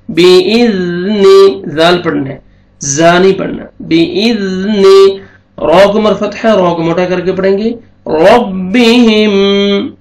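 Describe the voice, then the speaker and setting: A man's voice: a little high, gravelly, echoey room. A man teaching Quran recitation rules, explaining each sound patiently step by step. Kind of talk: tajweed lesson.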